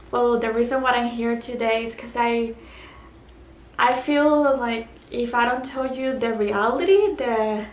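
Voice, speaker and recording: A woman's voice: fairly high pitch, a bit bright. Earnest Puerto Rican woman, echoey room. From Puerto Rico. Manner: earnest, halting with fillers and restarts. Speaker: vlogger. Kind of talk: personal testimony vlog. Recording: echoey room, faint background noise.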